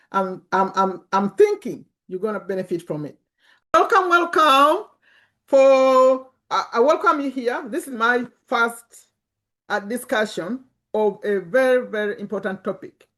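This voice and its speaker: A Ugandan-accented woman in her fifties, a personal finance YouTuber and community host, gives an informal motivational talk to camera and her online group, repeating words for emphasis. Her slightly high, slightly bright voice is animated and a little slow.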